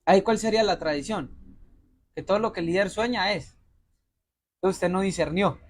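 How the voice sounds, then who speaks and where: High-voiced man preaching a sermon. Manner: asks the congregation rhetorical fill-in questions; direct, exhorting address to listeners. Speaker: pastor.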